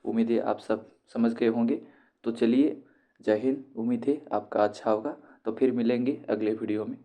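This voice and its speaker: A man with an Indian accent teaching Hindi grammar to students, explaining slowly and repeating key terms. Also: mid-range voice, fairly even intonation, mellow.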